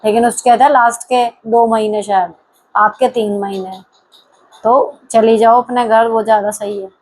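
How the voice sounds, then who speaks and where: A middle-aged woman with a voice a little on the high side, talking through viewer comments like a host. She gives advice in a frank, no-nonsense way, talking straight to the listener and slipping English words into her sentences. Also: steady tone, unhurried, darkish tone, rough recording. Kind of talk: casual advice chat.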